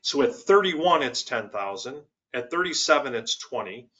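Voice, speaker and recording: A man guesting on a finance webinar, his voice bright and forceful. He talks through worked examples with emphasis. The sound is dull and lo-fi, like a web call. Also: medium pitch, lively intonation, normal speed. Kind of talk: webinar explanation.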